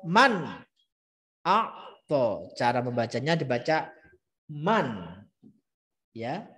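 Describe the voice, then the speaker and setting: A middle-aged man teaching Quran recitation in a live-streamed lesson, patiently explaining rules and modeling the verses in slow, drawn-out chanting. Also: medium pitch, sing-song, fairly bright tone. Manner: explains patiently, repeating key terms.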